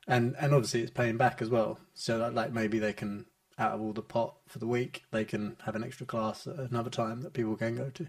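British man, mid-pitched, loosely rambling chat. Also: level tone, a little fast, hardly any pauses. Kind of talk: casual chat.

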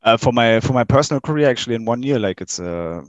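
A young man talks through his answers in an interview, pausing often and restarting his sentences. His voice sits in an ordinary middle pitch. The sound is dry and close, with little room echo. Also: lively intonation, muffled recording. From Germany. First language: German. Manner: halting, many fillers and restarts. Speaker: interview guest, game company staff.

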